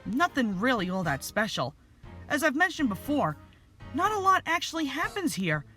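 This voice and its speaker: Bright, animated reviewer. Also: medium pitch. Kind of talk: opinionated scripted review commentary.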